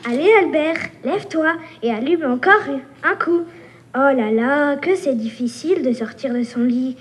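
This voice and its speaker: With a high-pitched voice close to her everyday one, a woman reads a workshop story at normal speed, a faint hiss or hum in the background. She plays a taunting, playful little female mosquito, complete with buzzing.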